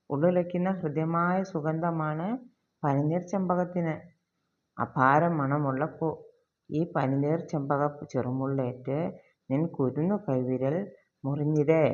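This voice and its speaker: A teacher going through a school poem line by line, chanting each verse slowly, then explaining it in plain words. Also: mid-range voice, a little mellow, a little hiss or hum. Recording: dull lo-fi recording.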